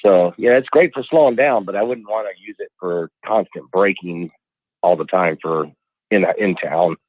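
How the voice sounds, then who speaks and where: A man's voice: low-pitched, normal speed, no room sound. A man calling in to a radio show over a phone line, chatty and enthusiastic. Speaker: caller. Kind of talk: casual call-in chat.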